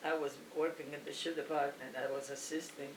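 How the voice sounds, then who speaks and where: An older woman from Italy with an Italian accent, telling family stories in casual chat, animated and halting, laughing often. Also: deep voice. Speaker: family storyteller. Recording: roomy, distant, faint noise.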